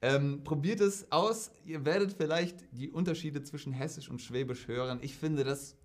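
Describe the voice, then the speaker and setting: A young German man answering viewer questions in a casual, lively Q&A vlog, chatting and acting out quoted speech. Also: on the high side, normal speed.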